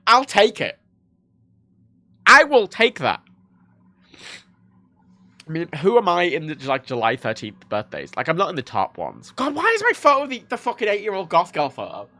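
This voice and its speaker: A drunk male streamer, born in Ireland and raised in England, rambling loosely and cursing freely. His voice is bright and sharp, with a pitch that swoops up and down all the time. The sound is dry and close, with no room around it. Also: huge pitch swings, normal speed, pauses often, dry recording. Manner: self-deprecating, swears a lot, rambling. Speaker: livestreamer. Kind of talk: casual rambling stream chat.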